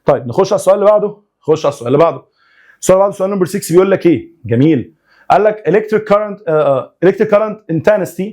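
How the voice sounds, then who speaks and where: A man's voice: sits high, lively intonation, racing, warm tone. A young man with an Egyptian Arabic accent, a physics teacher working through homework in a recorded lecture, coaxing and joking with students to work along. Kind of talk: recorded online lecture, solving homework problems.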